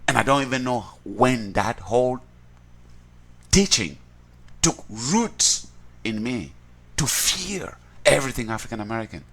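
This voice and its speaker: A man's voice: medium pitch, expressive, unhurried, pauses often, a bit bright, a little hiss or hum. A man from Cameroon, telling his own story in an interview in an earnest way, often repeating words and restarting. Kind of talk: reflective personal account.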